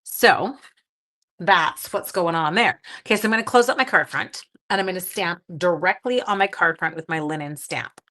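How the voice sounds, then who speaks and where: Her voice is lowish and sharp in tone, moving at a moderate pace. She's a drowsy, groggy woman running a laid-back crafting stream, talking with chat as she works and making cute little sound effects.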